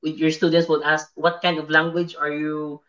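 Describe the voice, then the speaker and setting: A woman's voice: sits low, little pitch movement, unhurried, fairly bright tone. A woman hosting a casual podcast, asking prompting questions with hesitant ums and likes. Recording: echoey, dull lo-fi sound.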